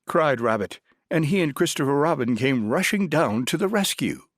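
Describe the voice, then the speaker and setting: Animated male storybook narrator. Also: a little high, normal speed, dry recording, clean studio sound. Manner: lively, animated reading. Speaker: audiobook narrator.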